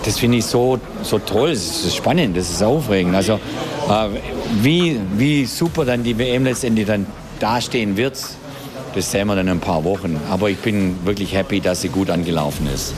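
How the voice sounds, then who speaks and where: A man's voice: fairly low pitch, normal speed, a crowd in the background. A man talking spontaneously and enthusiastically in a casual interview style, repeating himself for emphasis. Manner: enthusiastic, repetitive.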